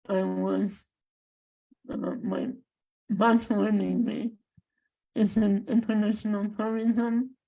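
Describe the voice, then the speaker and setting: A woman from Bulgaria with a Bulgarian accent, a guest speaking in a measured, halting way with long pauses. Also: medium pitch, creaky, warm tone, highs cut off. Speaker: guest, life coach and spiritual guide. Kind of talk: slow reflective interview talk.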